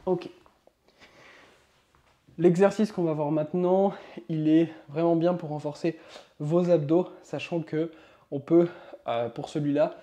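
Man, yoga teacher, upbeat and coaching, mellow tone, slightly high voice. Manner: upbeat, coaching, counts slowly while demonstrating. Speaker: yoga instructor. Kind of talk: instructional demonstration.

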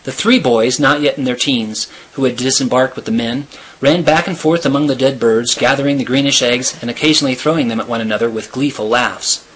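A man reading a chapter of a novel aloud in a steady, measured storytelling manner. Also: medium pitch, husky, rough recording. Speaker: reader.

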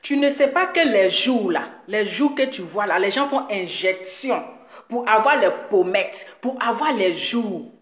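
A woman talking straight to her viewers in a boastful, mocking rant, teasing her critic with drawn-out words and frequent laughs. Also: mid-range voice, animated. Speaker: video blogger addressing her audience. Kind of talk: boastful direct-to-camera rant. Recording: echoey room.

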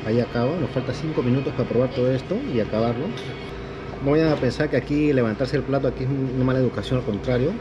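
A man's voice: mid-range voice, fast, dull audio, noisy background. A young man with a Peruvian accent, hosting a casual food-tasting vlog, chatting and explaining to viewers at a restaurant table. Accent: Peruvian Spanish. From Peru. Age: young adult. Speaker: vlogger host. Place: indoor sushi restaurant. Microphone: camera on the table.

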